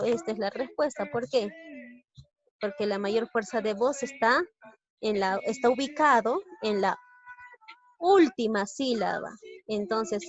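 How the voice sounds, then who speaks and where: Woman teacher from peru going over exam answers, asks then explains step by step, kinda high voice, muffled lo-fi audio. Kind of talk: exam review lesson. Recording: dull lo-fi recording.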